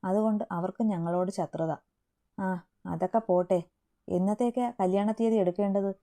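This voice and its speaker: Brief: woman voicing a loyal young man in an audio story, earnest and reproachful, very dark mellow tone. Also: medium pitch, steady tone, normal speed, close to an everyday voice. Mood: gentle, then teasing. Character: young man, hurt but loyal brother figure.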